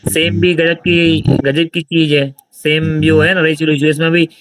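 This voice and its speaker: Guy teaching exam prep, kinda high voice, far from mic with lots of noise behind, keeps asking if you got it. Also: level tone, measured pace. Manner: explains answers, keeps checking with listeners. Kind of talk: informal exam-prep lecture. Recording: distant mic with loud background noise.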